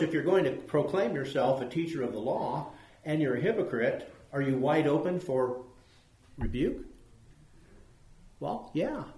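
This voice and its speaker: Questioning Bible teacher in an echoey room. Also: male voice, medium pitch, darkish tone. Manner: asks questions of listeners.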